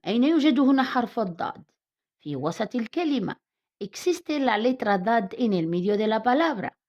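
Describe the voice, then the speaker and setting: A woman teacher with a Moroccan Arabic accent, slowly sounding out letters and words in a reading lesson and explaining in both Arabic and Spanish. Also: medium pitch, breathy edge. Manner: slow, drawn-out syllable-by-syllable reading. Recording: dull lo-fi recording.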